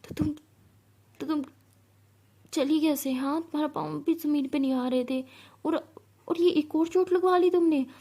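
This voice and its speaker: A gentle, easily frightened young woman, voiced by a woman storyteller. She pleads and stammers in a high, soft-edged voice. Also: fairly even intonation, normal speed, long pauses. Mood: worried.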